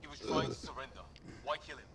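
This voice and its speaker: A man's voice: mid-range voice, quick pace, natural voice. A man playing an earnest, wary young soldier in a sci-fi video game, talking informally and emphatically. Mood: earnest, concerned. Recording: noisy game battle ambience behind voice.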